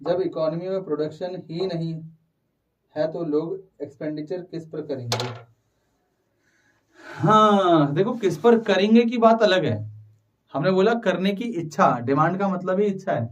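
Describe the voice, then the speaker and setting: A man teaches economics to a live online class, pressing his students for quick answers. His voice sits high for a man. The sound is dull and a little distant from the mic. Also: expressive. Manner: urges students to answer quickly, mixing Hindi and English terms.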